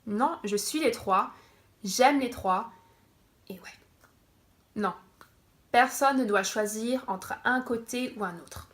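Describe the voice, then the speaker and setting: A woman's voice: a little high, slow pace, pauses often. A young woman from France chatting casually on her vlog, laughing often and correcting herself as she goes. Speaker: vlogger.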